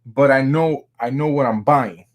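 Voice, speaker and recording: Speaking a little slowly in a mid-range voice, a Miami, Florida sneaker vlogger keeps things casual and relaxed. He talks sneakers with plenty of slang and frequent "bro"s.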